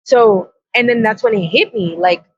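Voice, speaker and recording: A woman's voice: medium pitch, normal speed, slightly rough, no echo. A woman guest on a podcast telling a personal story with blunt, earnest, profane reported dialogue. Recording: dull, dry lo-fi sound.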